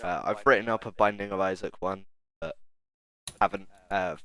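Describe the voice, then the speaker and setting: A man's voice: deep voice, steady tone, moderate pace, a bit bright, dry recording. Crude joking young man. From Britain. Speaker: podcast co-host. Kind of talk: casual group chat over voice call.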